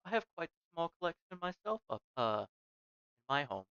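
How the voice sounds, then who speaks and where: Game master as mischievous princess in a tabletop game: regal, curious, smooth voice, dry muffled recording. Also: medium pitch, very animated, normal speed, a bit bright, no echo, voice pushed up. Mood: curious, pleased. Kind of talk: tabletop role-play.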